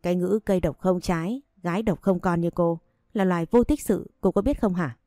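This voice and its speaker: A woman voicing a harsh, domineering older mother-in-law who hurls insults in a low, mellow voice. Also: fairly quick, no echo, studio quality, lightly acted. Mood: scornful, scolding. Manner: shrill insulting scolding.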